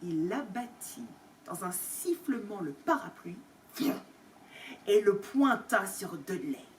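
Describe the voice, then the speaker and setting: A woman storyteller reading aloud to an audience at a library event, with an expressive, animated delivery. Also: medium pitch, slow. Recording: distant mic, faint room noise.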